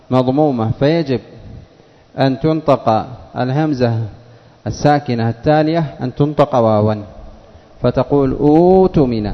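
A male teacher giving a classroom lesson, patiently asking questions and repeating words slowly for his students. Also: fairly high pitch. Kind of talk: classroom lesson on Arabic spelling. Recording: dull lo-fi recording, long reverb of a hall.

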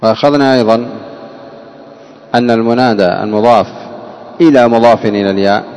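A man's voice: lowish voice, a little mellow. A man teaching a grammar lesson, often asking his class questions and repeating the answers. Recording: long hall reverb.

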